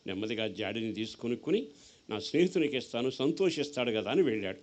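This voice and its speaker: A man's voice: medium pitch, big pitch swings, fast. Telugu-accented man preaching a story sermon. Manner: storytelling with voiced characters, questions to the audience; rises to loud exhortation.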